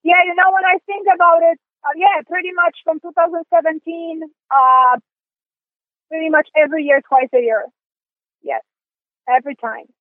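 A woman from Poland with a Polish accent, answering interview questions in a high voice. She talks in halting bursts, full of restarts and fillers. She sounds dry and tinny, as if over a phone line. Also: fairly even intonation, no room sound. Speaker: guest, dog sport competitor. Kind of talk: interview conversation.

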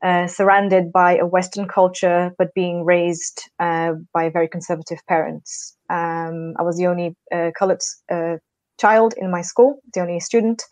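A woman from Portugal speaking on an online panel, thoughtful and measured as she tells her story. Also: on the low side, level tone, darkish tone, dry recording. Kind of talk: reflective personal story on a panel.

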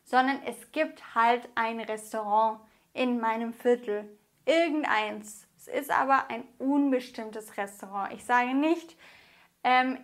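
A woman from Germany, a Spanish teacher, explaining grammar in a slow, carefully enunciated way. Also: sits high, a bit bright. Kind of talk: grammar lesson.

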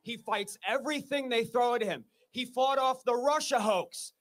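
A man giving an emphatic rally speech, shouting out his key lines to a crowd. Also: very high voice, moderate pace. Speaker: rally speaker, protest organizer.

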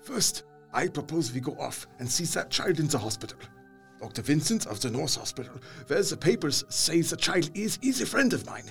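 A man playing a grave, earnest older professor and vampire hunter in an audio drama, with creaky voice, quaint foreign phrasing and dramatic delivery. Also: fairly high pitch, very animated, normal speed, soft background music. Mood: grave resolve.

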